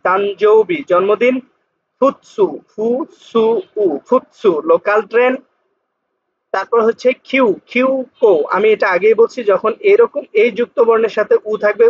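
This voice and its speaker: A man teaching Japanese vocabulary, patiently repeating each word slowly to drill its pronunciation. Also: sits high, breathy edge. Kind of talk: vocabulary lesson explanation. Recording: dull lo-fi sound.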